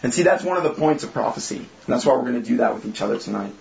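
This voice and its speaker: A man's voice: medium pitch, lively intonation, very fast, gravelly, darkish tone. A young man leading a church group, giving a candid, self-mocking informal sermon and acting out the voices he quotes. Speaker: small-group church leader. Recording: echoey room, dull lo-fi sound.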